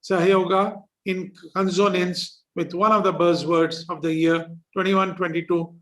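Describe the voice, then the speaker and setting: A man's voice: sits high, level tone, unhurried, a bit bright, poor audio. A man, a district governor delivering a formal prepared speech at a ceremony. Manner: formal, reading a prepared address.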